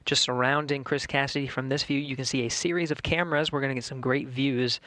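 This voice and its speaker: Man, mission control commentator, measured explanatory delivery, dry sound. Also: mid-range voice, fairly even intonation, sharp tone, dry recording. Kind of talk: live spaceflight commentary.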